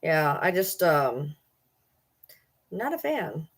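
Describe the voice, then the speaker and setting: This livestreamer, a woman in her early forties, has a low, slightly rough voice with a sing-song lilt and a slow delivery. She rambles casually and replies to comments from her viewers.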